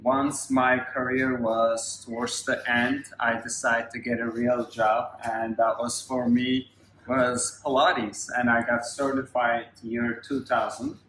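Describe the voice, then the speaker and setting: A Turkish man with a Turkish accent, a Pilates educator, speaks in a medium-pitched, slightly bright voice with a level tone and slow pace. He explains things earnestly and step by step, making small grammar slips, in a casual interview. The room is echoey with faint background noise.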